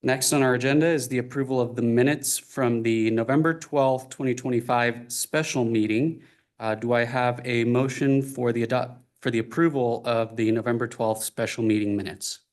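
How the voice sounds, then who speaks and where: A man chairing a city commission meeting, speaking haltingly with many fillers. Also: medium pitch, fairly even intonation, darkish tone.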